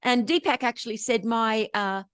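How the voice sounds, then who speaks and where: Aussie woman telling stories in a chat, kinda high voice, dry close sound, laughs a lot. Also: moderate pace, clean tone, no room sound. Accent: Australian. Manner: lively, laughs often between anecdotes. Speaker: interview guest. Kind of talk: storytelling in casual interview chat.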